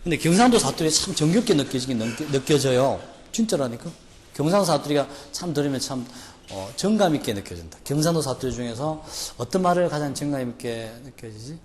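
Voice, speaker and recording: An English vocabulary lecturer from Korea's Gyeongsang region, speaking with a Gyeongsang accent, gives a jokey classroom lecture in a mid-range, animated, darkish voice at a fairly quick pace. He fires rhetorical questions at students, and the lecture hall adds reverb and faint noise.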